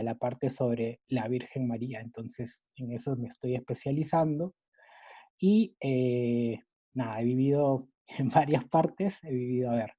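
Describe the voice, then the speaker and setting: Speaking at medium pitch, a man from Peru delivers a catechism lesson in an earnest, explanatory manner, often restarting with filler words. His accent blends Latin American Spanish varieties over a Peruvian base. The recording is dull and lo-fi.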